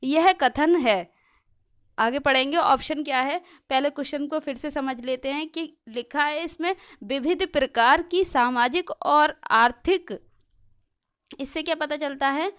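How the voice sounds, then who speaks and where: A woman's voice: high-pitched, a little slow, fairly bright tone, no echo, clean studio sound. A woman teaching exam prep, reading each option aloud and then restating it in simple words, often stopping to restart a word. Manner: self-correcting, restarting words. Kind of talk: explanatory lesson.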